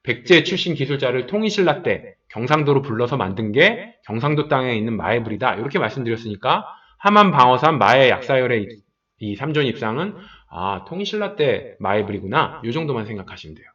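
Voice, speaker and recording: A man teaching history for exam prep, explaining with lively asides and quick imagined dialogue. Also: mid-range voice, distant mic, dull audio.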